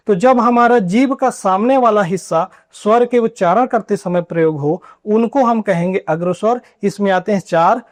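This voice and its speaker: A man teaching a grammar lesson at a board, asking questions and answering them himself, and drawing out key terms slowly. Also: high-pitched. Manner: asks and answers his own questions. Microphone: writing on a board while teaching.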